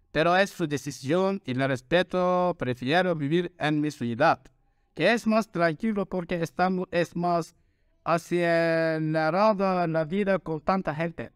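A man with a Turkish accent works through viewer questions in careful, halting Spanish and repeats the words that trip him up. His voice sits high for a man and comes across crisp and clear. The recording is dry and close. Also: no echo. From Turkey. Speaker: vlogger. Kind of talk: Q&A vlog, reading fan questions.

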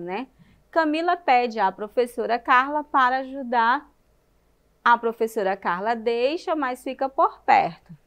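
A woman with a Brazilian Portuguese accent and a fairly high voice leads a primary school lesson for television. She keeps putting questions to the children and sounds out words slowly, one syllable at a time. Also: a bit bright.

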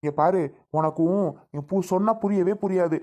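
A man's voice: high voice, warm tone, lightly acted. A man playing a stern, impatient father who lectures and threatens his small daughter. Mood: threatening. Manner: lectures and threatens in fast, irritated talk.

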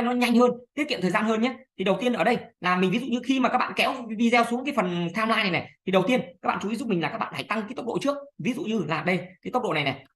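A woman talks viewers through a screen-recorded software tutorial at a fast clip. Her delivery is chatty and full of small fillers and pointing words as she clicks around. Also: medium pitch. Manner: chatty, fillers, many "đây này" pointers. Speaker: video editing tutor.

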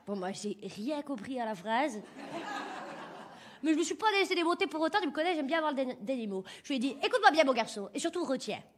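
In this stand-up character piece, a woman voices a crude, showing-off working-class mother who swears a lot and fills her rambling with ums and ers. The voice is high, sing-song and fast, and the whole thing feels brash and vulgar.

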